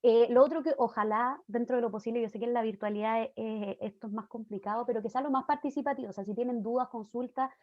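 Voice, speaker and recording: Una mujer chilena, invitada como conferencista, habla de manera informal y cercana en una clase en línea, con muchas muletillas. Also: female voice, fairly high pitch, fairly even intonation, fast, few pauses, dry recording. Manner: friendly, informal, many fillers. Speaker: guest lecturer. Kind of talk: online class talk. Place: home, video call. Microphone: computer mic on video call. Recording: dull, dry video-call audio.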